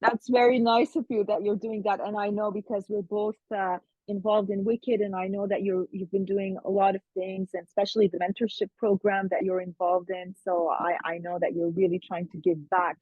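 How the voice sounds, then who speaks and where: A woman's voice: medium pitch, little pitch movement, normal speed, hardly any pauses, no echo. A woman interviewing a guest in casual conversation, talking in a chatty way with lots of fillers and restarts over a video call. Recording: tinny phone-like line, dry.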